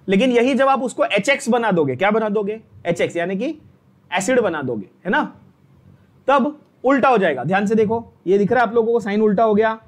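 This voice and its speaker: A man with a fairly high voice teaches an exam-prep chemistry lesson. He keeps the class on its toes, asking the same question twice and pushing students to answer out loud. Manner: drills students with repeated questions; energetic, coaxing.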